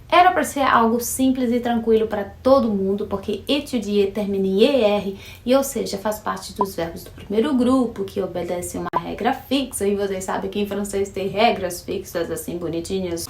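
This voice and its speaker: A woman with a Brazilian Portuguese accent teaching a casual video lesson, chatty, slowly repeating words to model their sound. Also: mid-range voice, echoey room, a little hiss or hum. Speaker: French teacher.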